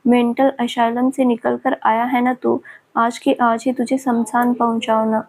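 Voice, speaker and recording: A woman voicing an angry young husband who shouts back at a villain to protect his wife, in her own narrating voice. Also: on the high side, level tone, a little slow. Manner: sharp and furious.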